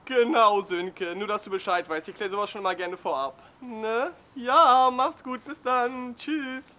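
A man putting on a fussy, pedantic man on the phone, prim and overly polite in a high, bright voice. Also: unhurried.

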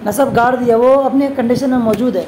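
Woman teacher with a high mellow voice, keeps asking the class questions and answering, calls students beta. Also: steady tone, fairly quick, a little hiss or hum, low-quality recording. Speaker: religious teacher. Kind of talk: classroom grammar lesson.

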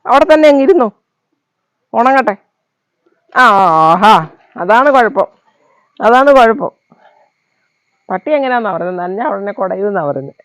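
A woman's voice: on the high side, expressive, normal speed, long pauses, dry recording. A woman vlogging at home in her yard, talking to her pet dog in a coaxing, affectionate way. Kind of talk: casual vlog chat while caring for a pet dog.

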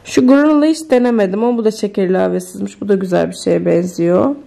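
A woman's voice: medium pitch, fast, creaky, mellow. A woman chatting casually in a home vlog, thinking aloud and easily amused, with faint music behind her. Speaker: vlogger. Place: home kitchen.

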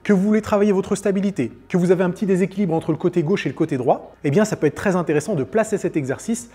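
Fast-talking upbeat male fitness coach. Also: high voice, mellow, slightly rough. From France. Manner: quick, upbeat, explanatory. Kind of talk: fitness tutorial with sponsor read.

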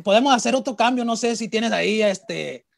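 A man's voice: sits high, brisk, creaky. A man playing a crude, greedy father who rambles and stammers in a comedy sketch. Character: crude, greedy Mexican dad, loud and shameless.

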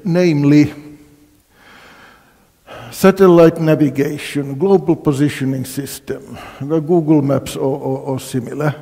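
A man's voice: on the high side, warm tone. An older man from Finland giving a university physics colloquium, quizzing the audience with many fillers. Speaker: physics lecturer. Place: lecture hall. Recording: long hall reverb.

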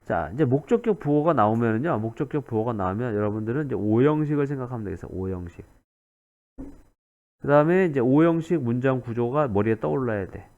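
Male grammar teacher, lively up-and-down delivery, repeats key points, muffled lo-fi recording. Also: mid-range voice, fairly quick. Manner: animated, repeats key words, asks 그죠 often.

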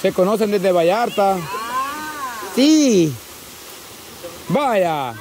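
A woman with a Salvadoran accent hosting outdoor party games, cheering players on with quick repeated calls and frequent laughter. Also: medium pitch, animated. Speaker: game host. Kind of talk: lively game commentary. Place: outdoors at a lively gathering. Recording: outdoor crowd noise. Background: crowd chatter.

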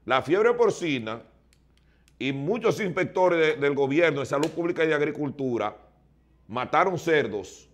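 A man with a Dominican accent, arguing emphatically as a TV panelist in a lively studio debate. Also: fairly high pitch. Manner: emphatic, insistent, lists items rapidly.

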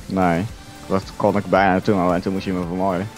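A man chatting casually while gaming, his voice run through a voice changer that makes it disguised and deep, swearing and reacting loudly to the game. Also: level tone, brisk, soft background music. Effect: voice changer making the voice disguised and deep. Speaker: gamer playing with friends.

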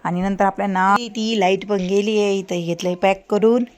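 A woman's voice: mid-range voice, fairly even intonation, normal speed, a little mellow. A woman vlogging at home, chatting to the camera about her day in a casual way. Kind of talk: casual home vlog chat.

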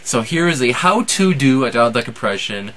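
A man in his twenties hosting a casual how-to vlog, explaining things informally and a little haltingly, step by step. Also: medium pitch, animated, fairly bright tone. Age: 20s. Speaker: amateur impressionist and video host.

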